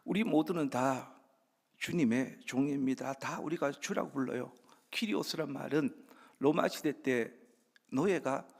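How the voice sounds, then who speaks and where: A man preaching a sermon as guest pastor, conversational and acting out little dialogues, with soft asides between louder lines. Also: medium pitch, gravelly, husky. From Andong, South Korea. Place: church sanctuary. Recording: reverberant church hall.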